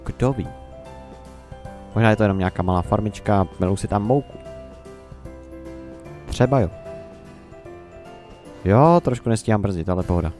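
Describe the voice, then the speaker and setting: Young Czech man, low voice, casual rambling let's-play commentary, faint music under it. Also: pauses often, darkish tone. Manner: rambling, musing, talks to himself and the game.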